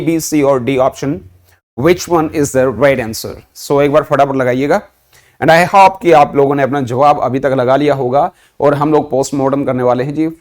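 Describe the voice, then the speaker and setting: A man's voice: a little high, a little mellow. An Indian man teaching an online English vocabulary lesson, mixing Hindi and English and asking and answering his own questions.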